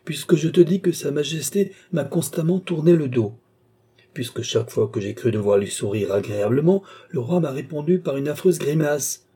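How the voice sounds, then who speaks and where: A man's voice: mid-range voice, fairly even intonation, a little fast, hardly any pauses, dark tone, breathy edge, lightly acted. A man voicing an old, vain French duke who banters and dodges, his retorts rising in exasperation. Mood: exasperated. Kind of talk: audiobook character reading.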